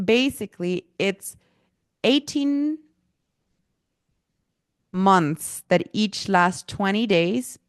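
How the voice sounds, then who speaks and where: A lower-pitched woman leads an online workshop in a loose, chatty way, full of fillers and asides. Her throat is a little irritated. The sound is dry and close. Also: no room sound. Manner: casual, chatty, with many fillers. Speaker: workshop teacher. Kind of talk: online presentation talk.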